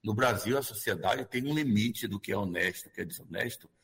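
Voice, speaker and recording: A man's voice: on the low side, brisk, a bit bright, husky. A man with a Brazilian Portuguese accent explaining things as a guest expert in an interview, often checking for agreement in a conversational way.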